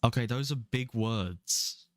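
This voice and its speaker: Speaking slowly in a mid-range voice, a young man in his twenties casually rambles and chuckles while streaming a game. He's from England and has a London accent. The studio sound is clean, with no room sound.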